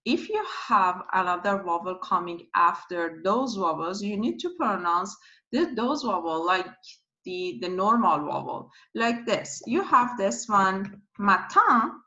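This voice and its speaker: A woman teaching pronunciation slowly, repeating each word and spelling out letters. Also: mid-range voice, lively intonation, sharp tone, dull audio. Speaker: French teacher. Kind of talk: slow pronunciation lesson.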